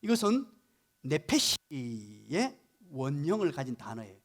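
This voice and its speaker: A man pastors a church on Sunday morning, preaching from the sanctuary in a voice on the high side and an unhurried pace. He's animated, loaded with rhetorical questions, and walks through the Hebrew words of the text.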